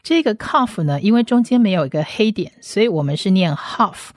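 Woman as a patient lesson teacher, repeats every sound slowly; dry, close sound. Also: mid-range voice, expressive, darkish tone, no echo. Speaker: Hebrew teacher. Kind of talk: step-by-step language lesson.

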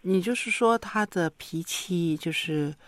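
A woman hosting a counseling program who calmly asks questions and sums up what the caller has said. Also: lowish voice, measured pace, dry recording. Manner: calm, probing, paraphrasing. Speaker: counselor host. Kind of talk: radio call-in counseling.

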